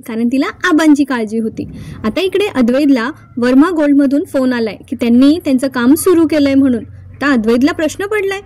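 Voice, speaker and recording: A woman's voice: sits high, dark tone. A woman hosting a casual recap of a TV serial episode, chatting as she tells the story.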